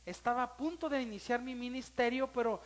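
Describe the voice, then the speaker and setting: A pastor with a Mexican Spanish accent delivers a sermon in an extremely high voice, talking a little fast. He tells a personal story with real emotion, addressing his listeners directly.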